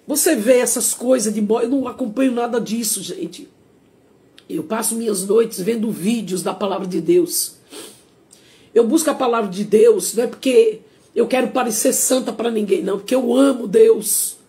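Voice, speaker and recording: A woman's voice: on the high side, moderate pace, mellow. A woman with a Sergipe accent from Brazil, speaking through tears in a confessional live stream, pleading and emotional. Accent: Sergipe Brazilian Portuguese. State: crying. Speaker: singer. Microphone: phone.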